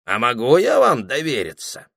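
A man voicing a bossy, hot-tempered and pompous male parrot who blusters and shouts, reading aloud from a storybook. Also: medium pitch, wildly swooping pitch, moderate pace, gravelly, slightly rough, no room sound, clean studio sound, pitched above the performer's own voice, heavily acted. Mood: grave, secretive. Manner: shouting, blustering, self-important.

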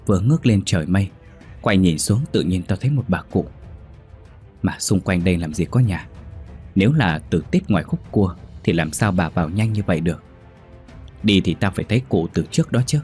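A frightened young woman recounts a ghost sighting in a tumbling rush, her voice jumping up into alarmed cries, as a man reading a storybook puts her on. Soft music sits faintly underneath. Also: low voice, natural voice.

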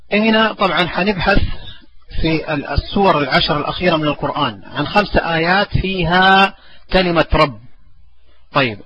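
Bright-voiced man teaching a class. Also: sits high, lo-fi sound, a little hiss or hum. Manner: repeats verses slowly for the pupil to follow; asks the pupil questions, then answers them. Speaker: religion teacher. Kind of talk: classroom lesson.

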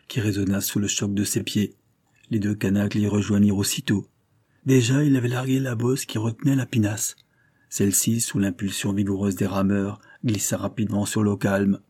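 A man narrating an adventure novel in a steady, measured storytelling voice. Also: lowish voice, husky. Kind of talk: scripted audiobook narration.

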